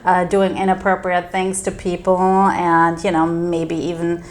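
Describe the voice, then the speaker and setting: A woman from Serbia, a psychiatrist, answering interview questions in a calm, explanatory way with frequent ums and you-knows. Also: fairly low pitch, unhurried, poor audio.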